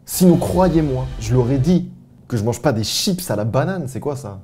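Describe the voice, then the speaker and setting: A man from France telling anecdotes to the camera in a casual, animated, self-mocking and slangy way. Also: medium pitch, normal speed, soft background music. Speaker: vlogger.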